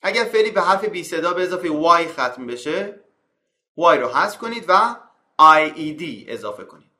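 A man teaches English grammar in an echoey room, reading each rule slowly and then explaining it in casual Persian. His voice is bright and sits a little high. He calls out example verbs on an even higher, animated note. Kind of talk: slide-based grammar lesson.

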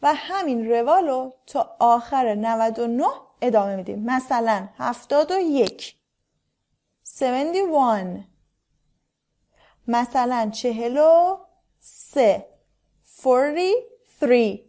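High-voiced woman teaching English numbers. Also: animated, mellow. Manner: quick explanations, slow deliberate model words. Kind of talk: language lesson for learners.

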